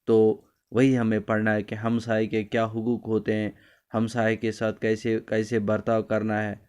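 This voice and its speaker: A man teaches a story lesson to young children. He speaks in a flat, level pitch with a clear, smooth tone. He repeats phrases and explains each new word carefully. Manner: explains word meanings, switches briefly into Kashmiri; addresses children fondly, repeats lines.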